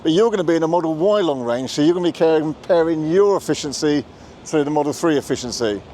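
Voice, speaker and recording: A man's voice: fairly high pitch, animated, fast, mellow. A man from South London with a matching accent, talking casually as a vlog host, with a slightly raised voice. He chats from a car and a charging stop, and faint street noise sits behind him. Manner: chatty, laughs often, explains step by step. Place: inside a car and at a charging station.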